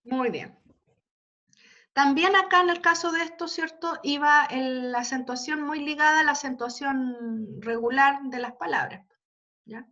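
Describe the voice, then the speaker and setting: High-pitched yet steady, a little slow and sharp in tone, a woman lectures an online literature class. The lo-fi recording sounds dull as she patiently goes through examples, checking in with students through frequent tag questions.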